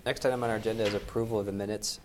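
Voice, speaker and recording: Male committee chair, low and level, running formal procedure over a meeting room mic. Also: steady tone, very fast, noisy background. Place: council chamber meeting room.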